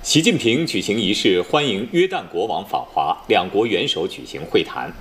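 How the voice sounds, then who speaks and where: Formal male news anchor, lower-pitched voice. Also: very animated, moderate pace, a bit bright. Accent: standard mainland Chinese Mandarin.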